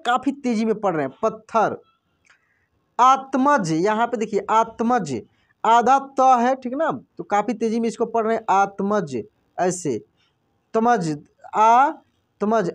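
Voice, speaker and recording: A male teacher works through a reading lesson at a patient, unhurried pace. He sounds out each word slowly, repeats it, and stops often to ask what was just written. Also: very high voice. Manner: spells out words slowly, repeats them, quizzes the listener. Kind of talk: classroom-style reading lesson.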